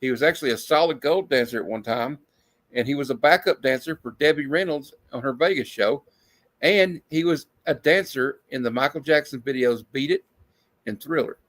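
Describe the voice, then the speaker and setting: A man's voice: medium pitch, moderate pace, a bit bright. A man hosting a horror movie show in a casual horror-host manner, chatting loosely as on a livestream.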